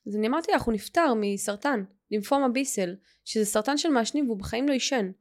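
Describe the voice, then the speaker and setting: A woman hosting a podcast tells a personal story in conversation, animated and quick in bursts as she acts out the things people said. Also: fairly high pitch. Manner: animated, acts out quoted dialogue. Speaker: podcast host.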